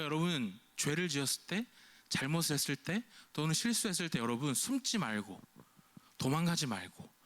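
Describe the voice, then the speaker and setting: Here the same kind of youth sermon comes from a man with a fairly high, slightly bright voice. Chatty and questioning, he keeps putting questions to the congregation and slips into character to voice imagined speech.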